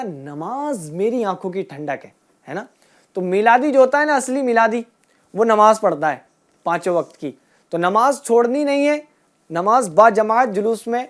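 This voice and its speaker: A woman teaching a group of children, asking them questions and repeating their answers, and drawing out key words slowly. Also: mid-range voice. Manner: asks a question, then repeats the answer back. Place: room with children and a passed microphone.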